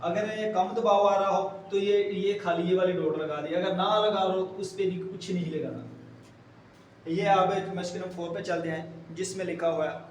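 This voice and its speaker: A man with a high voice walks through a shorthand lesson, patiently repeating each word slowly as he writes. The sound is roomy and echoey, picked up from some distance with a faint hiss underneath. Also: fairly even intonation. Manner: patient, repeats words slowly while writing. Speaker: shorthand teacher. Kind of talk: step-by-step tutorial explanation.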